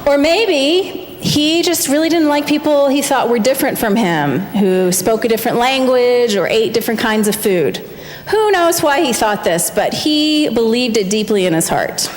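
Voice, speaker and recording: Animated woman telling a story in church. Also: fairly high pitch, moderate pace, a little hiss or hum. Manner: lively, expressive storytelling. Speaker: family minister. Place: large church sanctuary. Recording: church hall with long reverb.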